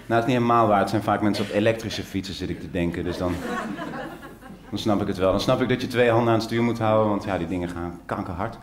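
A man from Brabant performing stand-up comedy on stage, rambling in a deadpan, mock-earnest way. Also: fairly low pitch, fast, a loud crowd. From Brabant, Netherlands. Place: theater stage. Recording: roomy theater stage.

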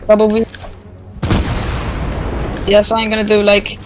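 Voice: mid-range voice, completely flat delivery, a little slow. Casual gamer host with a mid-range voice, chatting loosely over game music. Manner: rambling, with many fillers and restarts. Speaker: channel host. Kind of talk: casual gaming chat.

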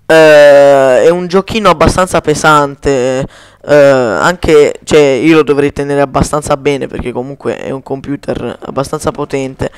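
A man giving casual gameplay commentary in speech, chatty, cursing at lag and slowly chanting spell words. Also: fairly high pitch, smooth, no echo.

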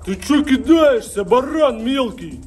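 Man playing a curt, animated prison policeman. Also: very high voice, takes it slowly, soft background music, heavily acted. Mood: irritated. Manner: curt, scolding. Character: gruff, impatient male prison policeman. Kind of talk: comedy sketch acting.

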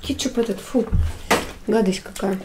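A woman's voice: medium pitch, moderate pace. A woman in her thirties chatting casually at the table during a family mukbang meal. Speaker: mother in a family mukbang vlog. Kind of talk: casual mealtime chat, mukbang. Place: small indoor room at a dining table. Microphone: camera across the table. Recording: clinking cutlery and dishes, faint noise.

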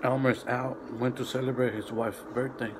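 A man's voice: medium pitch, level tone, moderate pace, noisy background. A man hosting a mukbang channel, chewing while talking and giving short, laid-back answers in casual chat over dinner at home.

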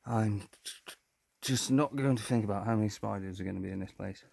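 This urban exploration vlogger talks fast in a creaky, darkish voice on the low side, muttering casual, sweary commentary to himself and his viewers. He's indoors, in a dusty abandoned house crammed with clutter. His handheld phone or camera yields a noisy recording with clicks.

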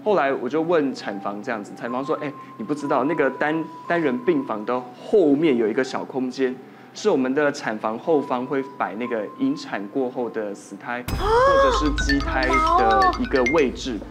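A man with a Taiwanese Mandarin accent, a doctor guest on a TV talk show, telling a spooky hospital story in soft, trailing sentences. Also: mid-range voice, sing-song, normal speed, music in the background.

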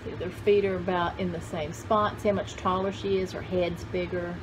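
A woman in her sixties, her voice lowish and barely moving in pitch, chats unhurriedly and thinks out loud while hosting a vintage haul show-and-tell video at home. She's filmed on a camera in a small room lined with cluttered shelves, and there's noise in the background.

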